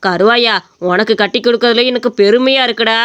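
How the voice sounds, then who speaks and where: A woman's voice: on the high side, fairly quick, a bit bright, clear, resonant tone, pitched below the performer's own voice, natural voice. A woman voicing a grumpy old village father who scolds and scorns the young men in a cartoon story. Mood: pleased. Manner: scolding, contemptuous.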